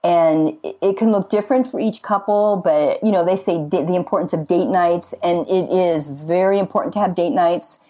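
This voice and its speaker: A woman's voice: on the low side, normal speed, hardly any pauses, warm tone. A woman in her fifties, a guest talking earnestly and chattily about faith and marriage, with many casual fillers. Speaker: podcast guest.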